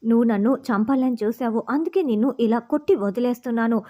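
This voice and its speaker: A woman's voice: fairly high pitch, fast, dark tone, lightly acted. A woman voicing a stern, commanding elder brother figure, in a TV serial recap.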